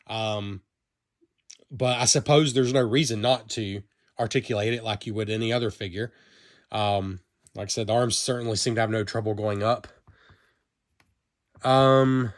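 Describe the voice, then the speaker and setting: A man from the American South with a Southern accent, casually reviewing a vinyl toy in a rambling, chatty way full of fillers and self-corrections. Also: medium pitch. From Southern United States. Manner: talks to himself while handling the toy.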